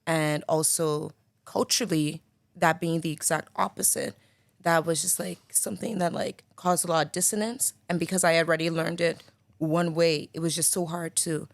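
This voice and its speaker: A Bahamian woman, a guest on a podcast, talks in a casual, reflective way, leaning heavily on "like." Her deep, gravelly voice stays fairly even at a normal speed, captured with no echo on a studio mic with headphones.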